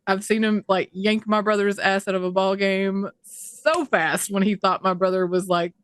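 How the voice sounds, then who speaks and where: A woman's voice: mid-range voice, level tone, moderate pace, smooth, dry recording, studio quality. A woman co-hosting a podcast, ranting in casual chat, swearing freely and mocking other people's words in quoted voices. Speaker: podcast co-host.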